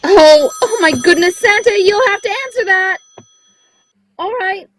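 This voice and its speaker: A woman's voice: extremely high pitch, animated, unhurried, a little hiss or hum. A woman playing a busy, bossy Mrs. Santa who fussily orders the workshop helpers about in a live radio-play reading. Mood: fussy.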